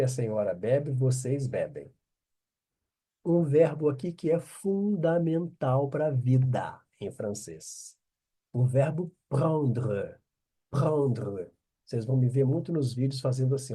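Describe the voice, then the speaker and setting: A Brazilian man teaching French in a slow, deliberate way, with a very dark, slightly husky voice. He drills each word with patient repetition, and his pitch rises and falls a lot. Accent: Brazilian Portuguese. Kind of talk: online language lesson.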